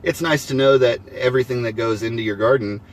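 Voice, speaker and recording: A man's voice: mid-range voice, fast, a little hiss or hum. A man hosting a casual live stream from his homestead, rambling and acting out both sides of conversations. He has the hiccups. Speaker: homesteading livestream host.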